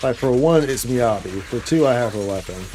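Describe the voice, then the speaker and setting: This male streamer's lively, dark-toned voice comes through a low-quality recording at medium pitch and normal speed. Over background game music, he gives laid-back commentary full of slang, addressing game and viewers as "dude" and "boy."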